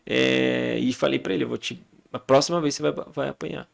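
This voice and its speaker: A Brazilian father and church leader appears as a podcast guest in a casual chat, speaking fast with a gravelly, medium-pitched voice and a Brazilian Portuguese accent. He tells stories, acting out family conversations.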